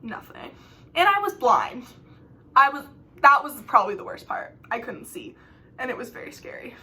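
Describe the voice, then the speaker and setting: A young woman vlogger telling travel stories in a chatty, dramatic way, swinging between loud exclamations and hushed asides. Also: sits high, sing-song, moderate pace. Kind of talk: storytime vlog, casual storytelling.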